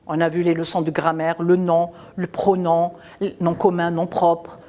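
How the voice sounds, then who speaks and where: A woman teaching a children's phonics lesson, patient and questioning, spelling out letters and sounds slowly. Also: fairly low pitch, level tone, warm tone.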